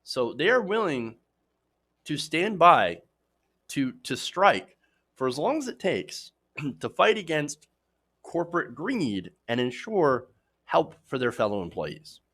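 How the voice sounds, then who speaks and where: A progressive political news host delivers emphatic, opinionated commentary directly to viewers in a slightly hoarse voice. He speaks slowly, with a fairly high, bright, sing-song tone.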